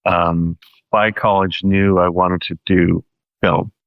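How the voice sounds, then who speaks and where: Very deep gravelly-voiced man. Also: flat delivery, slow pace, no echo, narrow, tinny audio. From Washington State, USA. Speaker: documentary filmmaker and guest. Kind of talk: casual interview storytelling.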